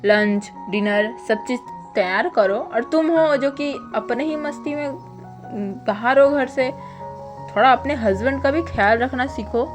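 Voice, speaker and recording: A shameless young husband who teases and bosses his partner around, as a woman puts him on while retelling a story. The voice sits fairly high, and the delivery is mocking and sure of itself. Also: measured pace, music in the background. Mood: teasing. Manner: bossy, mocking drawl. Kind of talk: casual storytelling with voiced lines.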